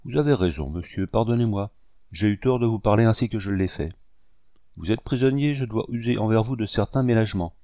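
A man's voice: on the low side, brisk, warm tone, no echo, lo-fi sound, close to an everyday voice. A man reading an audiobook voices a proud rebel commander who speaks with haughty, restrained menace. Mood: stern.

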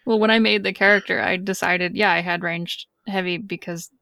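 A woman with a gravelly, creaky voice, speaking matter-of-factly during casual game banter. Her voice is close and dry on the mic. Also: lowish voice, steady tone, fairly quick, bright, forceful tone, dry recording. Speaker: tabletop game player.

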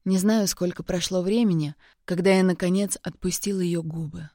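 A woman narrates a first-person romance with steady, measured delivery. Her voice is low and mellow, and the recording is dry and close to the mic. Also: no echo. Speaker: audiobook reader.

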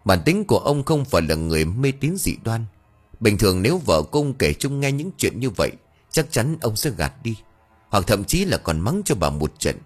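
A man narrating a scripted ghost story in a dramatic, expressive storytelling manner. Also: lowish voice, normal speed, slightly rough, soft background music.

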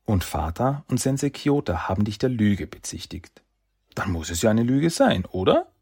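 A timid little boy with a high, pleading voice, as a male storyteller puts him on. The voice stays husky and gravelly underneath, with a creaky edge. It is a storybook figure, soft and anxious. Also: very animated, normal speed, dry recording, clean studio sound, exaggerated voice. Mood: unsure.

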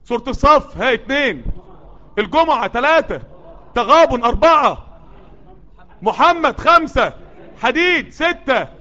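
A man preaches a sermon to a live group in an Egyptian Arabic accent, sweaty and worked up, urging listeners on with repeated, building calls. His voice is very high and sharp, with big pitch swings, normal speed and frequent pauses. The recording is dull and lo-fi.

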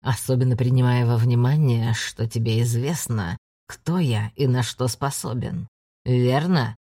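A woman's voice: extremely low pitch, a little slow, mellow, breathy edge, no room sound, clean studio sound, pitched below the performer's own voice, full character voice. Woman doing a hissing, sneering demon guardian. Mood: menacing. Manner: hissing, contemptuous, mocking. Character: sneering male demonic guardian, arrogant, menacing.

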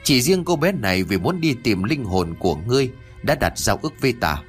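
A man's voice: medium pitch, big pitch swings, fairly quick, faint music behind, lightly acted. A man voicing a towering red horned demon king who speaks in grave pronouncements, close to his own voice. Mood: solemn.

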